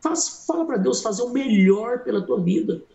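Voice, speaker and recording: A man's voice: very high voice, lively intonation, moderate pace, mellow, reverberant, muffled recording. A man preaching a testimony sermon in a church, telling his story dramatically and acting out the people in it while addressing the listeners as brothers.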